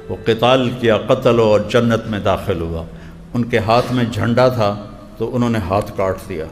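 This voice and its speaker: A man's voice: mid-range voice, a little mellow. Male preacher in a reverberant hall. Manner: storytelling, slows down to recite quotations; speaks in short repeated phrases. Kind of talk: religious sermon.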